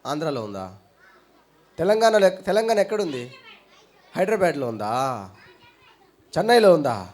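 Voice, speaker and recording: A man's voice: a little high, sing-song, normal speed, long pauses, a little mellow. Man quizzing kids in a playful tone. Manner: quizzing children with playful questions. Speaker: children's Bible school teacher. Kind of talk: casual talk to children.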